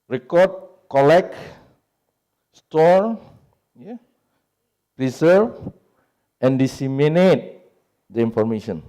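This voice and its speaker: A man with an Indonesian accent talks in unscripted English, his second language, with a warm and relaxed tone. He stops often to find words and fills the gaps with "uh". He sets out his points one at a time and leans on each one. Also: fairly high pitch. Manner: halting, searching for English words with many fillers. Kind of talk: unscripted talk on a panel.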